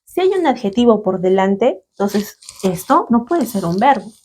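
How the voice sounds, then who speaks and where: A woman's voice: mid-range voice, sing-song, moderate pace, darkish tone, slight background noise. A woman English teacher with a Latin American Spanish accent, explaining grammar patiently and checking in with her students through frequent tag questions. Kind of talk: slow grammar lesson.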